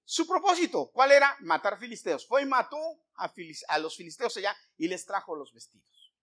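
A man preaching a sermon, retelling a Bible story in a lively way and putting questions to his listeners. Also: sits high, moderate pace. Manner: animated, asks the listeners questions.

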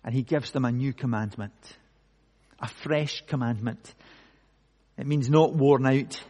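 A male pastor preaching a sermon slowly and emphatically, with dramatic pauses. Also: medium pitch, a little mellow. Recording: long hall reverb.

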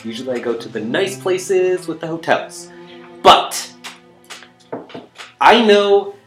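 A man's voice: fairly high pitch, animated, slow pace, fairly bright tone, roomy sound, soft background music. A man playing a tabletop game, joking and boasting in character as a thief, laughing often. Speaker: player.

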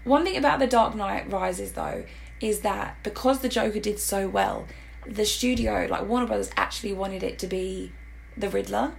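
A woman with a hoarse, croaky voice hosting a casual film and TV podcast, animated and jokey, with emphatic exclamations. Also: medium pitch, normal speed, slight background noise, poor audio. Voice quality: hoarse, croaky voice with gravelly creak. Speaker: podcast host.

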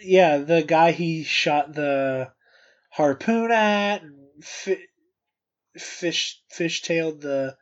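A man's voice: a little high, extremely slow. A man hosting a casual podcast, rambling with restarts and plugging merch eagerly. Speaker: podcast host. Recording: dull lo-fi podcast audio.

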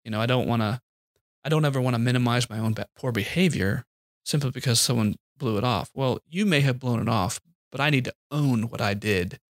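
A man co-hosting a podcast, telling a personal story about his son in a lively way and acting out the quotes. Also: mid-range voice, brisk, dry recording, clean studio sound. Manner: animated storyteller, acts out quotes. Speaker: podcast co-host. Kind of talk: casual storytelling chat.

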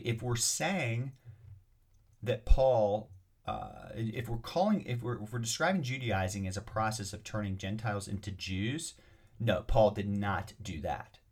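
A man teaching as a rabbi, reading scripture passages aloud and explaining them with emphatic, repeated points and occasional restarts. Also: lowish voice. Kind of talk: lecture on scripture.

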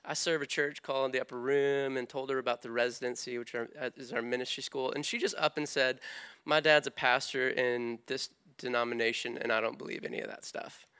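A man telling a lively testimony story during a sermon, with frequent restarts. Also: mid-range voice, a little fast, clean tone.

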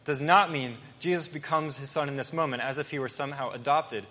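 A male pastor preaching an earnest, emphatic sermon with pauses and restarts. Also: medium pitch, sharp tone. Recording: long hall reverb.

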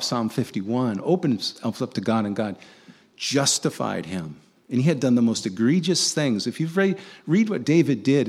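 A man's voice: mid-range voice, darkish tone, slightly rough. A man preaching a conversational sermon, earnestly asking his listeners rhetorical questions and often restarting his sentences.

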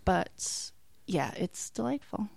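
A woman chatting casually with a friend, giggling through her sentences and padding them with fillers. Her voice sounds close and dry, with no room around it. Her pitch sits in a middle range. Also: big pitch swings, slow, gravelly, darkish tone, no echo. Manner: chatty, laughs often, filler-heavy. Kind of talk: casual chat. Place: American.

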